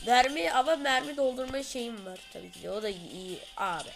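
Excitable high-voiced woman narrating gameplay. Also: fairly quick, gravelly, soft background music. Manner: excitable, full of exclamations, chatty with viewers. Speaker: gaming channel host.

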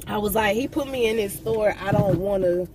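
A woman, talking candidly and assertively to her viewers in a car vlog. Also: mid-range voice. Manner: casual, assertive, talks straight to viewers. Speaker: motivational vlogger. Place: parked car, daytime. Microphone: phone camera on the dashboard. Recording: phone mic a little far off, loud car and street noise. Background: car and outdoor traffic noise.

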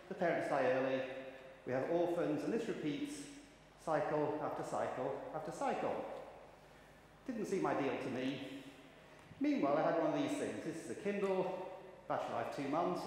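This keynote speaker is a man in his fifties whose voice is fairly high and a little mellow. He entertains the crowd with wry, chatty anecdotes, and the large conference hall lends an echo along with faint ambient noise.

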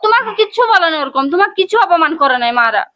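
A very high, very fast woman's voice. a woman playing a young wife in an amateur village comedy drama, indignant and pleading, with a Manbhum Bengali accent. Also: sing-song, pushed and bright, heavily acted. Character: young wife defending her husband.

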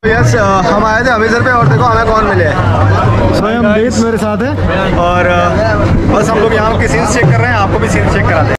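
A young man, chatting excitedly in a casual motorbike vlog and mixing in English phrases. He is recorded outdoors on a bike-mounted action camera, and at times on a camera held at arm's length. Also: high-pitched, normal speed, over loud music, over a noisy crowd. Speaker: motovlogger. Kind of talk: casual vlog narration while riding. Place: outdoors on city streets and a lakeside. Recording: loud traffic and water noise outdoors.

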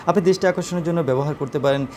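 A man teaching a spoken English lesson, reading example phrases slowly and deliberately with frequent "uh" fillers. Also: on the high side, darkish tone, a little hiss or hum.

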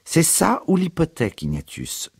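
A man voicing a fussy, nagging working-class mother in a raised, shrill voice. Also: wildly swooping pitch, moderate pace, vocal fry, slightly rough, no room sound, clean studio sound, full character voice. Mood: insistent nagging.

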